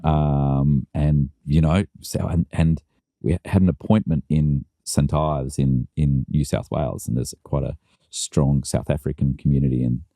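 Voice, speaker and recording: A middle-aged man co-hosting a podcast, telling stories in an animated way and laughing often. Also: very deep voice, vocal fry, no echo, clean studio sound. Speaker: podcast co-host. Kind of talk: casual interview chat.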